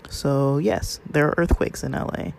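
A man's voice: fairly high pitch, fairly even intonation, normal speed, creaky, a little hiss or hum. A man from Southern California telling a personal story in a rambling, conversational way. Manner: rambling, conversational, quotes others in passing. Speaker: vlogger. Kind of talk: casual storytelling monologue.

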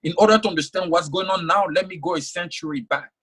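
Speaking fast in a high, husky, slightly bright voice, a young French-speaking man takes part in a conversational interview as an author. He's earnest and often repeats words as he works through his thoughts.

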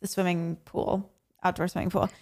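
A woman's voice: lowish voice, level tone, normal speed, a little mellow. A woman co-hosting a podcast, talking in a chatty, emphatic way and laughing easily. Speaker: podcast co-host. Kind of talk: casual chat.

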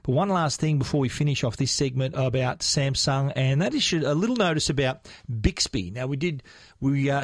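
Chatty Australian tech podcast host. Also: male voice, medium pitch, no room sound, studio quality. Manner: conversational, with frequent restarts and fillers. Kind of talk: podcast tech news segment.

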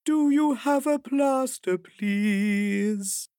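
A man voicing a creepy ghost of a bloody finger, wailing slowly and drawn out. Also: high-pitched, mellow, dry recording, studio quality, voice pushed up, exaggerated voice. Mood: eerie.

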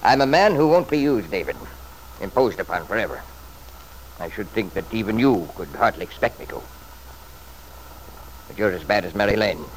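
Pitched fairly low and natural, the man's voice is expressive at a moderate pace with long pauses. He's acting as a stubborn, selfish middle-aged father in a radio soap of old, defensive and indignant as he blusters and justifies himself with emphasis. Noise fills the vintage radio drama recording.

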